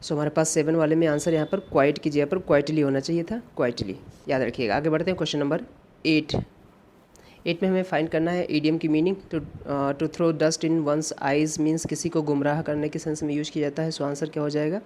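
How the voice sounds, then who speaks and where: A man's voice: on the high side, steady tone, a little fast, darkish tone. A male English teacher walks through exam questions in a mix of Hindi and English. He stops often to repeat and spell out key words. A faint hiss sits under his voice. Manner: explains in Hindi mixed with English, repeats points. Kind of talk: exam-prep grammar lesson. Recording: faint background noise.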